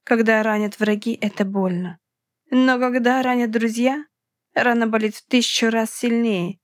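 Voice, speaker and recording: A woman narrating a fantasy novel in the first person, with a steady, expressive reading. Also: on the high side, normal speed, dry recording, studio quality. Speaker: audiobook reader.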